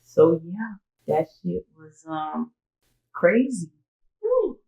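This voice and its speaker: Animated woman telling a story, slangy. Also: lowish voice, drawn-out words, vocal fry, highs cut off. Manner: animated, acts out quotes, slangy. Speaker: podcast co-host. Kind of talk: casual storytelling chat.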